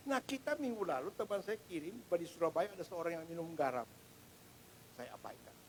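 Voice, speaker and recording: A middle-aged male pastor preaching a sermon in a church, swinging between loud proclamation and hushed storytelling. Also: fairly high pitch, animated, a little fast, a little hiss or hum, rough recording. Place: church sanctuary.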